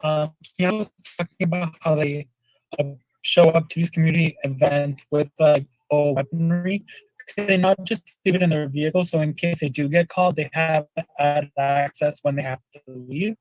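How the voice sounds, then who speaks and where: A man's voice: on the high side, fairly even intonation, normal speed, a little mellow, no room sound, low-quality recording. A man asking a casual, word-searching question at a community meeting over a video call.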